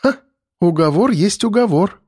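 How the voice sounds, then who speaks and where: A man voicing a sharp-tongued female investigator who teases quietly. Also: high voice, animated, unhurried, no room sound, clean studio sound, voice pushed up. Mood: teasing. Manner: quiet, teasing.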